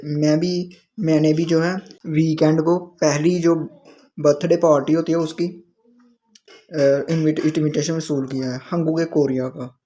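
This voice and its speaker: A man's voice: a little high, dark tone. A man teaching a language lesson, explaining the dialogue word by word. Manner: explains word by word, with frequent restarts.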